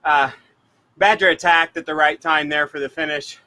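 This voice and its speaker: A man interviewed after a virtual cycling race, talking through his effort in a halting, easygoing way. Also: a little high, steady tone, pushed and bright. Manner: halting, with restarts.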